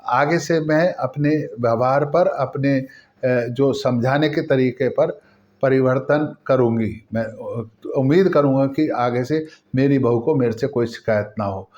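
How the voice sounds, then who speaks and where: A man's voice: medium pitch, measured pace, darkish tone, highs cut off, voice pushed down, lightly acted. Figure: a man doing a remorseful mother-in-law. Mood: apologetic.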